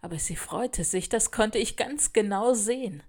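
A woman reads a children's storybook aloud. Her voice sits at a middle pitch. She tells the story clearly and evenly. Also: a little slow, darkish tone. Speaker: narrator.

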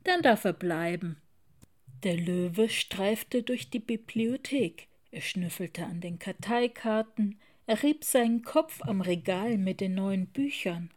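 Slow, expressive woman reading a story. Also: medium pitch. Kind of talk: children's story read aloud.

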